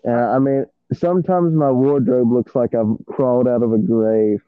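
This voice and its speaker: A man's voice: medium pitch, steady tone, moderate pace. A man with a mid-range voice chats in a laid-back, rambling way, full of fillers. He calls in from a small metal shed, and his voice comes through muffled and tinny over a bad connection. The sound is dry, with no room echo. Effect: muffled, tinny call over a bad connection. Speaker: podcast co-host. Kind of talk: casual chat. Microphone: phone or internet call. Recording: narrow phone-like line, dry.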